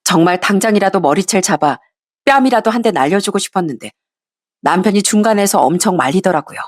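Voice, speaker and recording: A woman telling a personal story in the first person, measured and confessional. Her pitch is average, and the recording is dry and close with no room echo. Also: animated.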